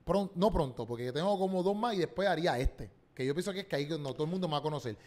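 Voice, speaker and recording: Puerto rican comedian guy rattling off stories quick, acting out quotes, kinda high voice. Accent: Puerto Rican Spanish. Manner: animated, slangy storytelling, acts out quotes. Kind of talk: casual podcast chat.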